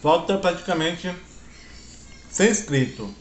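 A man's voice: high voice, animated, takes it slowly, reverberant, a little hiss or hum. A man chatting casually to his viewers with his mouth full while eating on camera. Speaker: mukbang vlogger.

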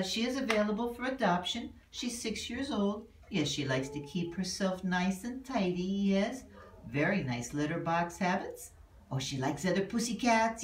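A woman's voice: fairly low pitch, a little hiss or hum. A woman voicing a flamboyant praying mantis reporter who promotes pet adoption in a theatrical, cooing, affected way at an animal shelter. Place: animal shelter cat room. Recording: roomy, mic at a distance.

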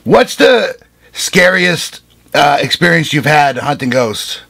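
Gravelly, husky man asking questions. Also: on the high side, very animated, takes it slowly, pushed and bright. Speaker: interview host. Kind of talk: casual interview questions.

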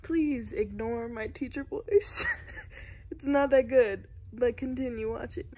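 A young woman vlogging at a party, giggly and playful, quick to joke. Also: on the high side, crowd noise. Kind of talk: casual vlog chat. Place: at a house party, indoors and out.

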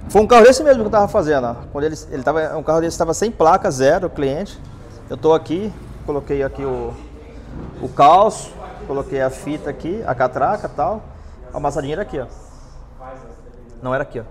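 A man's voice: on the high side, lively intonation, a little fast. A Brazilian man in his forties with a lapel mic, teaching a hands-on dent repair class in a large workshop, explaining and pointing at a car. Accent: Brazilian Portuguese. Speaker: paintless dent repair instructor.

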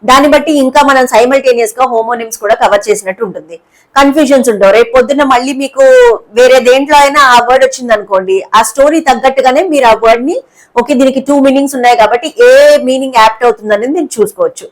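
A woman teaching an English lesson in Telugu, explaining words and repeating key terms slowly. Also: sits high, rough recording.

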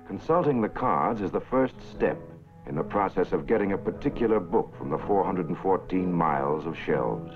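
A man with a lowish, lively voice gives formal, measured old newsreel narration. His voice comes through a thin, tinny 1940s film soundtrack, with an orchestral score playing clearly behind him. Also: soft background music. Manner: formal, measured announcer delivery.

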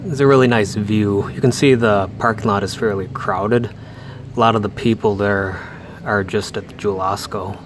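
A mall explorer vlogger with a low, even voice films inside a large, mostly empty mall, giving relaxed walking-tour commentary. He speaks flatly and unhurriedly, pausing as he moves along, with a faint hum of indoor ambience behind him.

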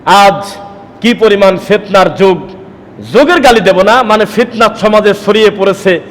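A man preaching a sermon, pressing his listeners with forceful rhetorical questions. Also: sits high, normal speed. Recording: long hall reverb.

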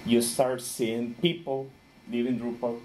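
A man in his thirties from Rica, speaking English, giving a friendly conference talk with frequent small laughs and pauses while he searches for words. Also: medium pitch, level tone, darkish tone, a little hiss or hum, low-quality recording. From Costa Rica.

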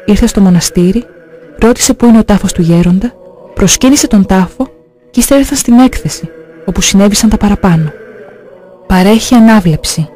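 A man's voice: high voice, warm tone, faint music behind. Solemn man reading testimonies.

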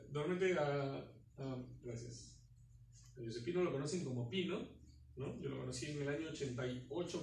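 A Spanish-born man in his fifties introduces a guest to a university class, rambling conversationally in a fairly high, darkish voice with vocal fry. A far-off camera phone captures him in an echoey classroom, with a little hiss or hum.

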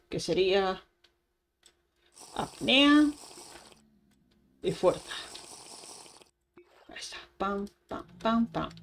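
A young woman giving chatty Minecraft gameplay commentary, talking to herself as she plays. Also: fairly low pitch. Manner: chatty, talks to herself while playing, frequent exclamations. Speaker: gaming YouTuber. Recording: faint keyboard typing and clicks behind.

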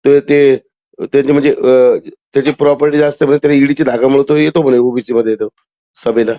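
A man's voice: mid-range voice, steady tone, fast talker. A man, talking insistently as a caller over a telephone line and pushing in over the other person. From Maharashtra, India. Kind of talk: argumentative phone conversation. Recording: muffled phone call audio.

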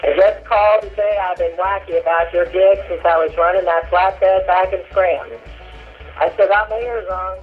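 A man's voice: sits high, steady tone, normal speed, faint music behind. Man doing a slang-slinging trucker over CB radio. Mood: cheery. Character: folksy male trucker calling in over CB radio. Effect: tinny CB radio, like a walkie-talkie. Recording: tinny narrow-band radio line.

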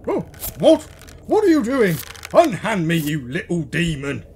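Blustering Santa, swooping pitch. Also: male voice, huge pitch swings, unhurried, a little mellow, slight background noise, full character voice. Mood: indignant. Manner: theatrical, blustering. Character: jolly old Santa, big and indignant. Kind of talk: comic audio drama acting.

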